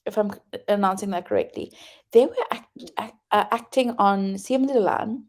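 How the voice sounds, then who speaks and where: A woman co-hosting a casual podcast chat, chatty and animated, laughing often. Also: mid-range voice, moderate pace. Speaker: podcast co-host.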